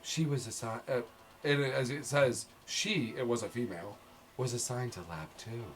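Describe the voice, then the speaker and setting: A female AI hologram in a sci-fi tabletop game, flat and informative, as a male game master puts her on. She delivers findings in a measured, clinical manner, low and hushed. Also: a little hiss or hum, natural voice.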